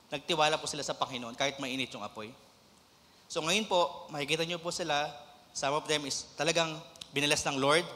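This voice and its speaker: A man's voice: on the high side, sharp tone. A young man preaching a sermon in a church, switching between Tagalog and English and prompting the congregation for amens. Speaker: lay preacher. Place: church sanctuary. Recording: long hall reverb.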